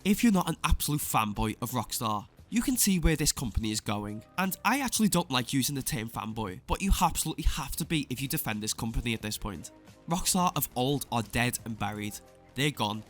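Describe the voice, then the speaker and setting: A man's voice: medium pitch, expressive, a little fast, a bit bright. Sarcastic, scathing male video essayist over music. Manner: sarcastic, scathing exposé delivery. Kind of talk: scripted opinion commentary. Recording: clear music bed under voice. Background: background music.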